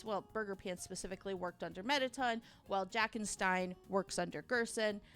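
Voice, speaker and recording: A woman ranting casually through a fan theory, rambling and animated, with emphatic asides and casual swearing. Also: medium pitch. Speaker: video game fan theorist.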